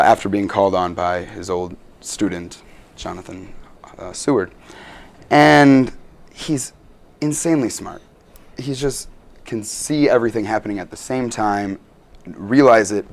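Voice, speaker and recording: A young man, a student actor, answering interview questions in an earnest, rambling way with many fillers. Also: low voice.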